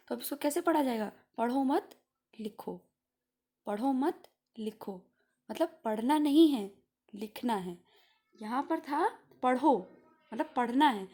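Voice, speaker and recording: A woman's voice: fairly high pitch, warm tone. A woman teacher giving a Hindi grammar lesson to young children, explaining patiently and rephrasing each point, with some English words mixed in. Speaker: primary school teacher.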